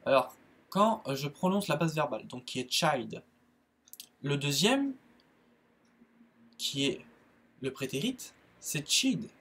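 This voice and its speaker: A French man with a French accent giving a casual spoken lesson on English verbs, halting, with many fillers and restarts. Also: fairly high pitch, very animated, fairly bright tone. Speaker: English teacher, channel host.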